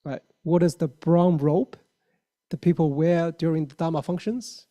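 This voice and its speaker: A man's voice: fairly high pitch, fairly even intonation, unhurried, warm tone. A man in his thirties from China with a Mandarin accent, giving an earnest dharma talk with many fillers and restarts. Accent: Mandarin Chinese. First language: Mandarin Chinese. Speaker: lay Buddhist speaker.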